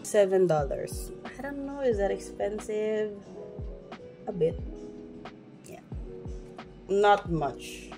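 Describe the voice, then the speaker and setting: This Filipino beauty vlogger has a medium-pitched, animated voice, yet she speaks slowly, rambling and self-conscious with frequent restarts. Her casual makeup chat in get-ready-with-me style is recorded indoors in her home bedroom on a phone camera at arm's length. Background music plays underneath.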